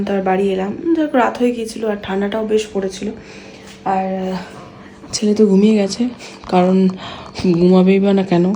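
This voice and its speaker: Young woman vlogging at home, talking real soft and quiet, mellow voice, lots of umms, a bit of faint hiss. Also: mid-range voice. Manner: speaks softly and quietly so as not to wake her sleeping son; rambling, with many fillers and restarts. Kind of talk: casual daily-life vlog chat.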